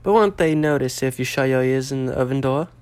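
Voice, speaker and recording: A man's voice: medium pitch, brisk, clear, resonant tone, lightly acted. A man reading a polite, hesitant boy, Harry Potter. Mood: curious. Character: polite, nervous boy wizard.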